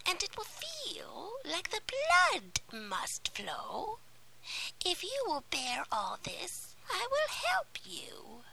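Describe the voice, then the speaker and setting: A woman voicing a scheming old female sea witch in a whispered role-play fairy tale, shrill and drawn out. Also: huge pitch swings, very slow, creaky, pushed and bright, slight background noise, full character voice, low-quality recording. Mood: menacing.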